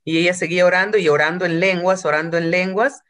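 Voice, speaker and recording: A woman's voice: fairly low pitch, steady tone, fast talker, fairly bright tone. Woman, from Peru, sermon, storytelling, acted quotes, English phrases mixed in. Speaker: preacher.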